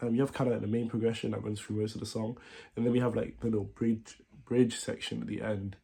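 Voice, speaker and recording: A man with a cold, sounding nasal and congested, teaching a guitar song in a halting, casual way with many fillers and self-corrections. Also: lowish voice, level tone, vocal fry, warm tone, husky. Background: guitar playing.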